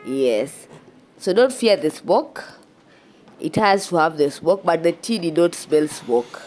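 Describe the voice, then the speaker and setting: A young Kenyan woman with a Kenyan accent narrates a voice-over for her outdoor cooking vlog, relaxed and chatty, often saying "yeah" and restarting sentences. She sounds a little stuffy from a cold, and her voice is lowish and slow.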